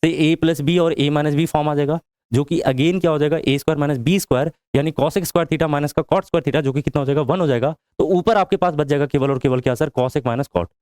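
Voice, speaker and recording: Indian guy teaching maths, kinda high voice, asks the class stuff then answers it himself, dry close sound. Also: fast, few pauses, a little mellow, smooth, no echo. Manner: explains step by step, asks the class questions and answers them himself. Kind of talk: whiteboard lesson.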